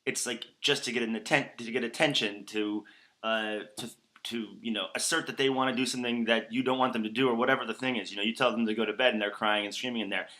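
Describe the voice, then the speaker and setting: Bright-voiced man rambling in a vlog. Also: mid-range voice, fast. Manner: rambling with many fillers and restarts; animated, voice rising when acting out examples. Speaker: vlogger. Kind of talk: casual talking-head vlog.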